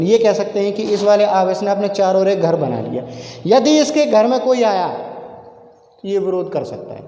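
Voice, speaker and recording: A man's voice: high-pitched, a little mellow. A male physics teacher giving a classroom lecture, asking questions and answering them himself. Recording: echoey classroom with long reverb.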